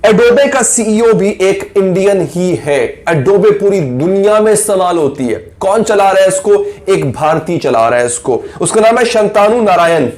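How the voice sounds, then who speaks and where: A man's voice: high voice, lively intonation, a little slow, hardly any pauses, darkish tone. A man from Pakistan, giving an earnest, self-critical video monologue full of rhetorical questions. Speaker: YouTube commentator.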